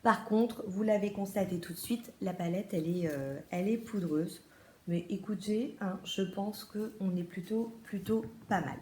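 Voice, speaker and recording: A woman with a French accent talks through her latest beauty purchases in a loose, chatty way, often pausing on fillers and restarting her sentences. Her voice sits at a middling pitch, and the room around her adds a noticeable echo. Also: dark tone, a little hiss or hum. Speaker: beauty vlogger. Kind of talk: casual haul video.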